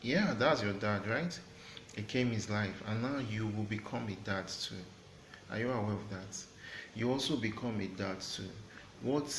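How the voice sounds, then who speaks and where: A middle-aged man hosting a motivational talk, earnest and preachy, repeating phrases for emphasis. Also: on the low side. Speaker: host of a motivational channel. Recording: echoey room with background noise.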